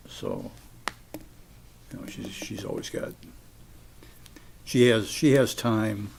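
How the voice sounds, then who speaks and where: A man making informal remarks at a meeting, halting and repeating words as he makes tentative suggestions. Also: on the low side, wildly swooping pitch, creaky. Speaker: commission member. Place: public meeting room. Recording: noisy meeting recording with clicks.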